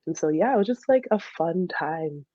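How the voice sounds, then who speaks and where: Speaking at a moderate pace with lively intonation, this young Michigan woman chats casually through an interview about her days as a college soccer player, laughing often. Her voice is on the low side and warm, captured lo-fi with no room sound.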